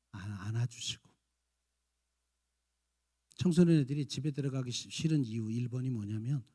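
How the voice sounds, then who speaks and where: Man preaching with acted-out shouts. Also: mid-range voice. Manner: acts out parents' and children's lines, jumping between shouts and soft coaxing. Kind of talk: sermon. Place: church sanctuary.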